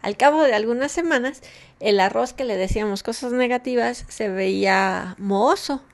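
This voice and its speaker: A woman's voice: fairly high pitch, normal speed. A woman from Mexico with a Mexican Spanish accent, speaking in a casual, rambling monologue to listeners, with many fillers and frequent small laughs.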